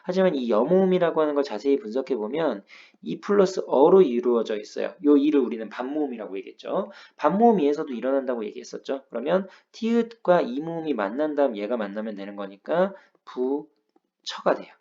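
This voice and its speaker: Patient male teacher, dark mellow voice. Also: medium pitch, animated, fast, gravelly, hardly any pauses, dull audio. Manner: patient step-by-step explaining, frequent "ja" prompts. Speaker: Korean language teacher. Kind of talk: lecture explaining grammar rules.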